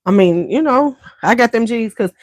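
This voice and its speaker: A woman's voice: on the high side, animated, moderate pace, no echo. A woman hosting a beauty livestream, chatting casually and slangily straight to her viewers.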